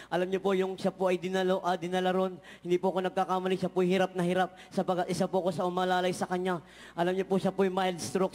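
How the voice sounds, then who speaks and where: A man's voice: high-pitched, a little mellow. A man giving a fervent church testimony, often repeating "mga mahal" and "hallelujah". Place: large church hall. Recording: hall reverb from church sound system.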